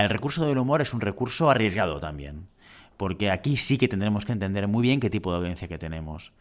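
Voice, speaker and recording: A man from giving a measured, reflective talk on presentation skills, with rhetorical questions and a few fillers. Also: lowish voice.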